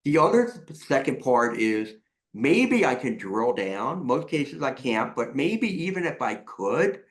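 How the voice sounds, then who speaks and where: A man appearing as a therapist and author on a podcast, explaining ideas in a lively way and acting out examples. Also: medium pitch, unhurried. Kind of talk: conversational interview.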